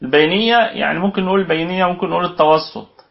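A man's voice: high voice, racing, gravelly. A man with an Egyptian accent teaching a Quran recitation lesson, patiently explaining and sounding out letters aloud, then checking with his students. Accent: Egyptian Arabic. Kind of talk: online tajweed lesson. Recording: dull lo-fi audio.

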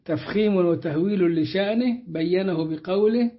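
A man teaching a Quran commentary lesson, explaining verses in a measured way and slowing down when he quotes them. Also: high-pitched. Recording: dull lo-fi recording.

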